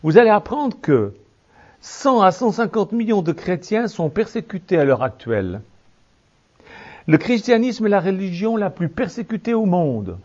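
A male preacher giving a fervent, rhetorical sermon that swings between low tones and shouted peaks. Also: big pitch swings, normal speed, muffled recording.

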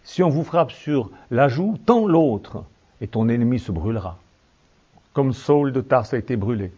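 A male preacher giving a fervent, rhetorical sermon that swings between low tones and shouted peaks. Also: lively intonation, unhurried, husky, lo-fi sound.

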